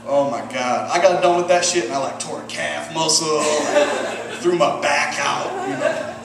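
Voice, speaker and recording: A man's voice: a little high, fairly even intonation, moderate pace, creaky. A man in his forties performing a stand-up comedy set, self-mocking and profane, acting out the people he quotes. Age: 40s. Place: comedy club stage with a laughing audience. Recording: echoey, distant room recording with loud crowd noise.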